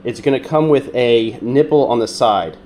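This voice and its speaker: A man with a nasal, congested voice from being sick, calmly walking through a repair step by step with frequent ums and uhs. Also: mid-range voice, normal speed, a little hiss or hum. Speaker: mechanic demonstrating a repair. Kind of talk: casual how-to demonstration.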